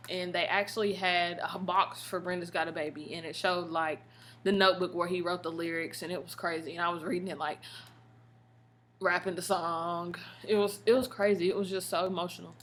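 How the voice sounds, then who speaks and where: An American woman telling stories in a casual, slangy vlog style, expressive and full of emphatic asides. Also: fairly low pitch, fairly quick. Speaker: vlogger. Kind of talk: casual chatty storytelling vlog.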